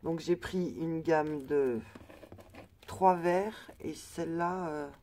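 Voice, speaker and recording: Slow, hesitant French-speaking woman vlogger. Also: sits low, mellow, slight background noise. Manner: hesitant, many fillers and restarts. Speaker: crafting vlogger. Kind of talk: casual product haul chat.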